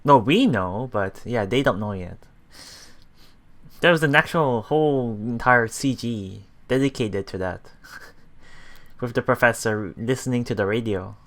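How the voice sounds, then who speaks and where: A let's player with a mid-range voice gives casual commentary, haltingly reading and paraphrasing the story text aloud while thinking out loud.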